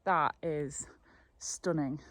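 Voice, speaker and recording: A woman farmer narrating a casual outdoor vlog on a frosty morning, soft-spoken and reflective, a little out of breath. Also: deep voice, steady tone, extremely slow, slight background noise. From England. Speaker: farmer and vlogger.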